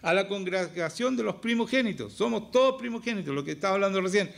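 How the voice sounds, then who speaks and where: A man's voice: high-pitched, lively intonation, quick pace, vocal fry. A man with a Chilean accent preaching a sermon as pastor, emphatic and often firing questions at the congregation. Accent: Chilean Spanish.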